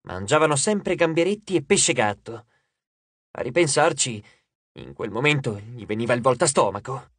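A man narrating an audiobook in a lively, dramatic storytelling manner on a studio microphone. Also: mid-range voice, moderate pace, slightly rough, no room sound.

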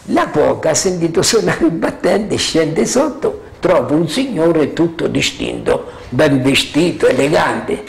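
An older man recalls the past in a freewheeling, animated way, pitch jumping up and down as he goes. His voice sits a touch high for a man and has a gravelly crackle. He keeps checking that his listeners are following. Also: measured pace, hardly any pauses. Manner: freewheeling, keeps asking "capito?"; animated storyteller, chuckles often. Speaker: witness sharing memories. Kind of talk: rambling spoken recollection.

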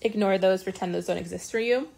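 A woman speech-language pathologist walks through a software tutorial one step at a time. Her voice sits in a middle pitch, and she talks casually, filling the pauses with ums. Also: creaky. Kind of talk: screen-recorded software tutorial.

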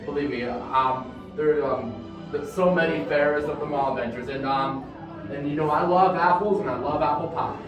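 Young man, halting, in an echoey hall. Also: fairly high pitch, far from the mic. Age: young adult. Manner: halting, hesitant, repeating words. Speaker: theme park guest. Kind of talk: casual chat. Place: large indoor meet-and-greet hall. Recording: echoey hall, off mic, music behind. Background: music.

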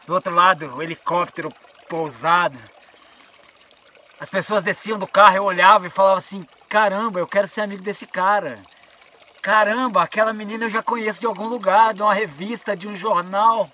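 A man's voice: on the high side, slight background noise. A man with a Brazilian Portuguese accent telling a story in a casual outdoor vlog, acting out the voices of the people he met. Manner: lively storyteller who acts out what people said. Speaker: mountain biker vlogger. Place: outdoors on a trail.

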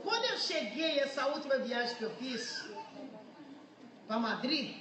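A woman in her seventies from Brazil with a Brazilian Portuguese accent, giving an emotional church testimony in a lively, humorous storytelling manner. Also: sits high, measured pace, a crowd in the background. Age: 70s. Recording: echoey hall, distant mic, noisy.

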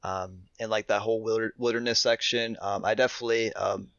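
A man's voice: lowish voice, fairly even intonation, a little fast, creaky, fairly bright tone, dry recording. A young man, a podcast guest, chatting casually about hiking with many fillers and restarts. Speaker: podcast guest, thru-hiker. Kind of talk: casual interview chat. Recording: dull lo-fi remote audio.

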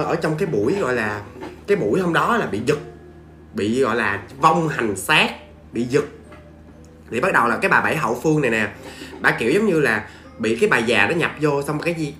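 A man's voice: fairly high pitch, pushed and bright, roomy sound. A man with a Southern Vietnamese accent telling a ghost story in a chatty, familiar way to his listeners. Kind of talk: casual spoken storytelling.

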